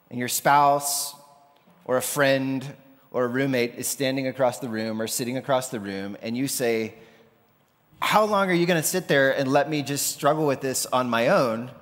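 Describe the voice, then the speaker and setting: Man preaching in a reverberant hall. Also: medium pitch. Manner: conversational, animated storytelling. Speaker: pastor. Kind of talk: sermon.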